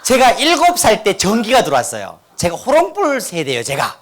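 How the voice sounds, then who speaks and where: A man's voice: sits high, brisk. A middle-aged man from Korea's North Gyeongsang region giving a humorous church testimony, acting out quotes and having the crowd repeat after him. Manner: animated, acts out quotes, leads crowd in repeating. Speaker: guest speaker giving testimony. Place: church hall with audience. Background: audience laughter.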